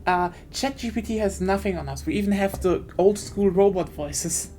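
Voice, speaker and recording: A woman hosts an award livestream, offering casual, opinionated commentary in an informal way. Her voice is medium-pitched and mellow at a normal speed, with faint music playing behind her.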